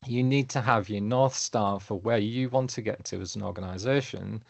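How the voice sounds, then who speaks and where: A man giving a webinar presentation on his work, lively and fond of analogies, often putting questions to the audience. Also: lowish voice, normal speed, creaky, no echo. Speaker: webinar presenter, council data lead.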